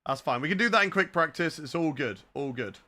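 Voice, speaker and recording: Clear engine sounds from a racing game fill the background as a young British man streams, commenting live, reacting aloud and answering chat. His slightly high voice is expressive and sharp-toned, moving a little fast.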